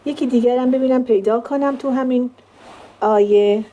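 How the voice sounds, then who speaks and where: A woman teaching a Quran recitation lesson, explaining step by step and drawing out the sample words slowly. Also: a little high, dark tone, highs cut off.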